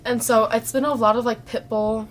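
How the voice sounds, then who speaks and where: A young woman co-hosting a casual podcast, chatty and excitable as she tells a story. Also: fairly high pitch, moderate pace, over a noisy crowd. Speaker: podcast co-host. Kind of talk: casual chat.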